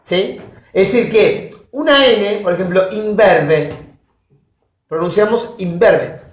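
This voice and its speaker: A woman lectures at an unhurried pace, stopping often to quiz her students. Her voice comes from across a classroom, picked up by a distant recorder with plenty of room echo. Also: medium pitch, animated. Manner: keeps checking understanding with quick questions to students. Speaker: linguistics lecturer. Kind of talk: university lecture. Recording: roomy classroom audio from a distance.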